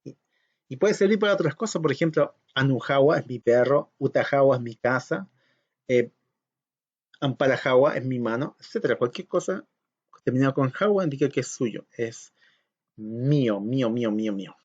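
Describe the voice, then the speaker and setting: Male teacher, mid pitch, patient and repetitive, muffled lo-fi audio. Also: darkish tone, husky. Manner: slow, patient, repeats each word twice. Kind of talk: online language lesson for children. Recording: dull lo-fi audio.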